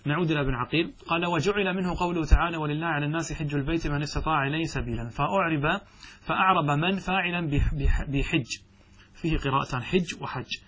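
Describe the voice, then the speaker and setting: Reading an Arabic grammar text aloud, a man breaks it down step by step, frequently asking the class questions that he then answers. He is a fast talker with a fairly high, somewhat bright voice and a breathy edge.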